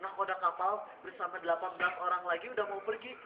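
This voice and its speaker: High-voiced man preaching in an echoey room. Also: fairly even intonation, fast. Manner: storytelling, acts out voices in the tale. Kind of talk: sermon to students. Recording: echoey room heard from far off, dull and noisy.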